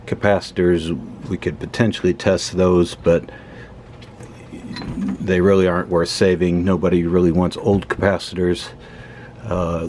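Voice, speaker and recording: Low-pitched and darkish, this man's voice carries a bit of background noise. Hosting an electronics teardown, he talks through the hands-on work in a casual, unscripted way, plainspoken but unsure as he reasons out loud.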